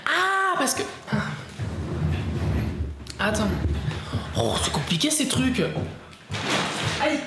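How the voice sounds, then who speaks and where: A man's voice: very high voice, huge pitch swings, drawn-out words, creaky, pauses often. A man streaming live, chatting casually and joking back at his viewers' comments as he sorts through things. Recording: roomy echo, faint background noise.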